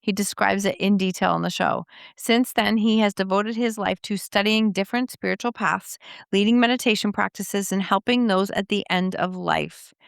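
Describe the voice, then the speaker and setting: A woman's voice: mid-range voice, steady tone, normal speed, vocal fry, clear, resonant tone, no echo, clean studio sound. A woman hosting a podcast, introducing her guest and interviewing him with effusive enthusiasm. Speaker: podcast host.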